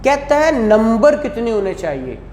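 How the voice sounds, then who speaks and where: A man's voice: very high-pitched, sing-song, measured pace, a little mellow. A man with a Pakistani accent giving a classroom law lecture in a didactic way, asking rhetorical questions and repeating key phrases. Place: indoor classroom. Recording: echoey classroom with faint noise.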